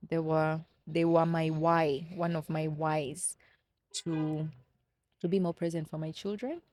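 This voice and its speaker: Her voice is low, level, and darkish, and she takes her time. She's a Kenyan woman in her thirties appearing as a podcast guest, telling personal stories with earnest reflection in candid conversation and repeating words as she works them out.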